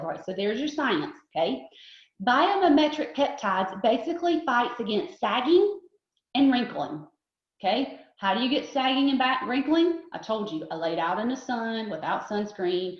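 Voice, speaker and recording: A woman in her forties gives an upbeat, chatty product demonstration, pitched a little high. She talks straight to her viewers and asks them to repeat after her. The sound is roomy and slightly dull. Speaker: beauty consultant presenter.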